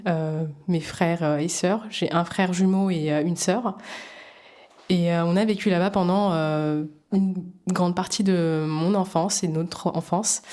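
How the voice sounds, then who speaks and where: A woman with a fairly low voice talks as a podcast guest. She tells her own story hesitantly, stopping and restarting often, with many fillers. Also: darkish tone. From Djibouti. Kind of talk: personal testimony in a podcast interview.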